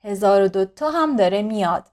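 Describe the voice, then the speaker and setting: Brief: warm, teasing old millipede grandpa with a cane, slow delivery, voiced by a woman narrator. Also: mid-range voice, expressive, lightly acted.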